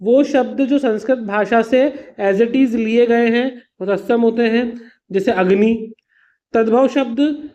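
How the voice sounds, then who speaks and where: A man with a very high-pitched, darkish voice is heard in audio whose highs are cut off. He leads an exam revision lesson, explaining patiently with simple examples while calling his students "beta" and sprinkling in English words.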